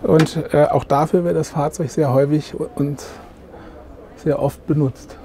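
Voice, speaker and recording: A middle-aged man who works as a sales manager walks an interviewer through a camper van, sprinkling his pitch with "ähm." Recorded close inside the van at a trade fair, he speaks unhurriedly with fairly even intonation against background noise.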